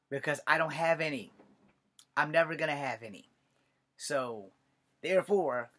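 A vlogger in his 40s, about to turn fifty, delivers a casual monologue to his webcam from a cluttered bedroom, wry and sarcastic with the occasional swear word. The webcam sits at desk distance, and his voice is a little high with a fairly bright tone.

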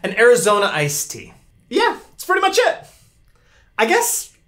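Animated man doing gaming commentary. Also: extremely high pitch, normal speed. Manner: animated, self-mocking, reacting aloud while gaming. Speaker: YouTube creator. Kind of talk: casual vlog and gameplay commentary.

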